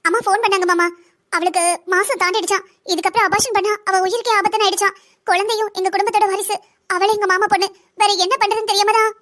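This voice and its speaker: Squeaky sweet cartoon daughter-in-law begging everyone to calm down, as a woman voices her, fast. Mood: pleading. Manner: pleading, gentle. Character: meek young daughter-in-law, pleading peacemaker. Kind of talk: cartoon drama dialogue.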